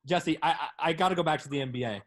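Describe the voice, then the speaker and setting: A man's voice: on the high side, fast talker. A man co-hosting a casual sports podcast, rambling and hedging with lots of fillers. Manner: rambling, hesitant, many fillers. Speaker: podcast co-host.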